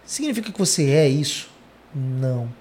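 A man hosting a conversational podcast, telling stories with lively emphasis. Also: medium pitch, moderate pace, a little hiss or hum. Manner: animated storytelling, lively emphasis. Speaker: podcast host.

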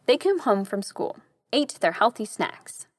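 A woman narrating a children's story in a gentle, expressive way. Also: mid-range voice, a little slow, a little hiss or hum. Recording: narration over background music. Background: music.

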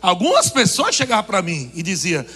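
A man's voice: high-pitched, wildly swooping pitch, moderate pace, pushed and bright. A man preaching a sermon, joking and laughing with the congregation. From Brazil. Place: church hall. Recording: long reverb of a church hall.

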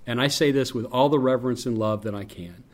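Deep-voiced man, stadium announcer being interviewed, reflective storytelling, mid pitch. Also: fairly quick. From North Carolina. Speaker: public address announcer. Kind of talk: interview conversation.

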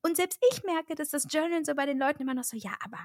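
A woman hosting a podcast interview, asking curious, lively questions in casual conversation. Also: sits high, very fast, no echo, studio quality. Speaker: podcast host.

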